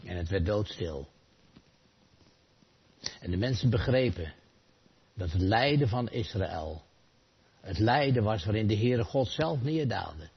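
A man preaching a sermon, asking rhetorical questions and answering them, rising loud and then dropping soft. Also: on the low side, husky. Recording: dull lo-fi sound.

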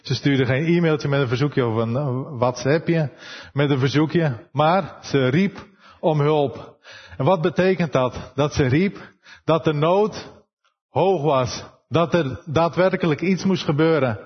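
A Dutch man delivers a sermon in a quiet, unhurried way, often pausing to find his words. His voice sits a little high. The recording is muffled and carries a long hall echo. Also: breathy edge. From Netherlands. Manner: soft-spoken, unhurried, with pauses and hesitations. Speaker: preacher.

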